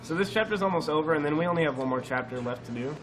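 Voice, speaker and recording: A man's voice: a little high, expressive, racing, noisy background. A man speedrunning a game with a partner and chatting through it in a loose, rambling way. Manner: casual, rambling with fillers and restarts. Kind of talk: live co-op speedrun commentary. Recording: live event with crowd behind.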